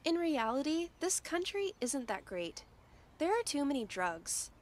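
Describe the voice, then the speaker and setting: A woman's voice: high-pitched, big pitch swings, a little slow. A woman narrating her own vlog in a blunt, complaining way. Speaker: video maker being reacted to.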